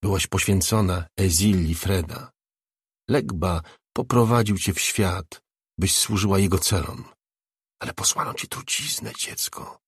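An ancient female spirit of the dead speaks in a grave, commanding hush, as a man reading an audiobook puts her on. The voice sits low and husky, half whispered. The recording is dry and close. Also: unhurried, no room sound.

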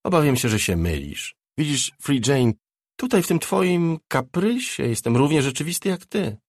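A man reading the part of a calm, polite male construct, courteous and lightly amused. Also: fairly high pitch, normal speed, no room sound, clean studio sound, voice pushed up.

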